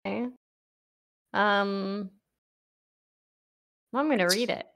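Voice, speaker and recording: A woman's voice: mid-range voice, drawn-out words, creaky, a bit bright, no echo. A woman chatting casually as a player in a tabletop game.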